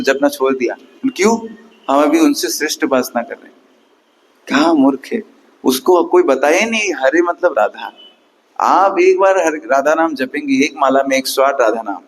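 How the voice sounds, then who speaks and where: This Sunday class sermon comes through poor audio, the preacher speaking in a mid-range voice. Emphatic throughout, he fires rhetorical questions at the audience and occasionally counts and chants aloud.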